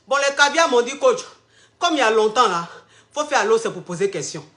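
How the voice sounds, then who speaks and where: A woman's voice: fairly high pitch, lively intonation, brisk, a bit bright. A woman hosting a call-in live stream, theatrical with sing-song hype announcements. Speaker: call-in show host. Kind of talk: animated live-stream chat. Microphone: phone or webcam on a live stream. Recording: roomy echo.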